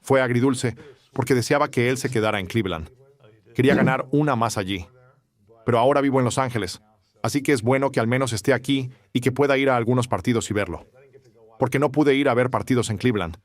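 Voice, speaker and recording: A man's voice: mid-range voice, fast talker. A man from Ohio hosting an interview, asking questions and talking in an encouraging, conversational way. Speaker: podcast host.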